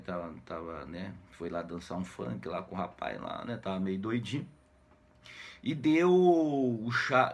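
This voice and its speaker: A man with a Brazilian Portuguese accent, a teacher casually retelling a classic novel for students, slangy and jokey, always tagging "né?". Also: mid-range voice. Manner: jokey, slangy, constant "né?" tags, acts out characters' lines. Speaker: literature teacher.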